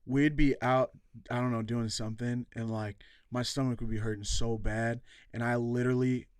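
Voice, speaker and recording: A young man, a rapper guest on a podcast, talking in a relaxed, laid-back way with animated reactions. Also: medium pitch, normal speed, smooth, no room sound. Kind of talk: casual podcast chat.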